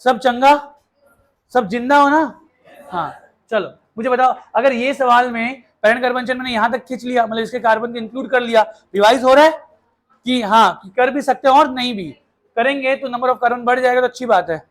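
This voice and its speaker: Male chemistry teacher, classroom lecture; brisk, coaxing, quizzes the class, mixes in English terms. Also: very high voice, a bit bright.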